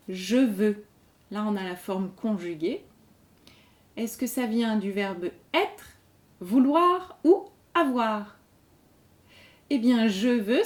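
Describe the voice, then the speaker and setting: A woman with a slightly high, darkish voice hosts a general-knowledge quiz. She reads each question twice in a slow, clear way and explains the answer patiently.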